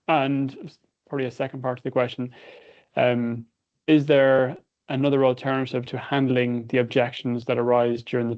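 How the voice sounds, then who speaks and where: Irish guy w a cavan midlands accent, bit droll, chatty webinar host, kinda dull lo-fi sound. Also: medium pitch. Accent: Irish, County Cavan midlands. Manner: droll, hesitant delivery. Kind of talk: casual webinar moderating.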